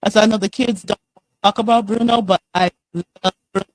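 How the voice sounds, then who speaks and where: A woman's voice: medium pitch, fairly even intonation, fairly quick, no echo, low-quality recording. A woman calling in to a casual review chat, her call breaking up and dropping out. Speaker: caller on a fan review show.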